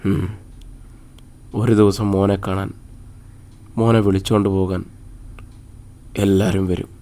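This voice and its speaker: A man voicing a grieving, hushed father. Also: deep voice, little pitch movement. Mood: sorrowful. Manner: soft, hushed, halting replies. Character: grieving father, gentle and choked up.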